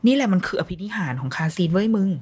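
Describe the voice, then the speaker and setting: A woman's voice: mid-range voice, very animated, racing, a little mellow, husky. A woman in her thirties, a mother hosting a podcast, telling her own story in a candid, blunt, slangy way and acting out the voices of the people in it. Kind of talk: casual storytelling chat.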